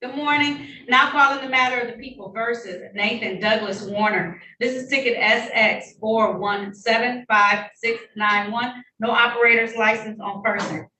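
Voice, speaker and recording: A woman judge running formal hearings, brisk and polite, heard in a courtroom recording. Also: a little high, steady tone, bright, forceful tone. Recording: echoey room heard from a distance, faint noise.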